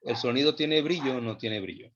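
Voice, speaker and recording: A man's voice: mid-range voice, fairly bright tone, highs cut off, slight background noise. Man lecturing on theology, emphatic. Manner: slow, emphatic, repeats phrases while thinking. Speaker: theology teacher. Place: online class session.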